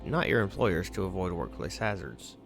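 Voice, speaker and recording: A man's voice: low-pitched, big pitch swings, moderate pace, vocal fry, over loud music. A man casually commenting while he plays a video game, reading on-screen text aloud with wry asides. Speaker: streamer.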